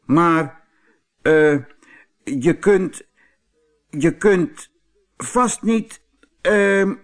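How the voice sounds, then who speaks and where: A man's voice: a little high, lively intonation, very slow, pitched above the performer's own voice. A man voicing a boastful, lazy, dim-witted male bull in a storybook, with a blustering manner. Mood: flustered. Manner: bragging, blustering, stammers when stuck.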